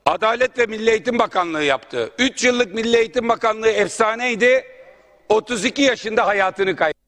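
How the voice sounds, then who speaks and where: Male MP at a podium microphone, high voice, indignant and rhetorical, chamber reverb. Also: a little fast, fairly bright tone. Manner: indignant, rhetorical, listing points. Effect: speaking at a podium microphone. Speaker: member of parliament. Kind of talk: parliamentary floor speech. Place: large parliament chamber. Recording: long reverb of a large hall.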